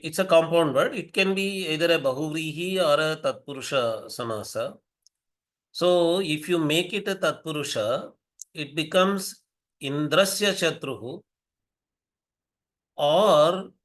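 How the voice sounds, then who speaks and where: Older Indian man lecturing, higher-pitched. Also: a bit bright. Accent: Indian English. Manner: measured, repeats and rephrases himself, fillers. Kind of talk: explanatory lecture.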